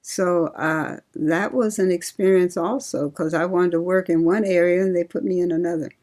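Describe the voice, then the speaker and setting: An older woman from Ohio, a retired nurse, reminiscing slowly and laughing often in an oral history interview. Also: lowish voice, steady tone, a little mellow. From Cincinnati, Ohio.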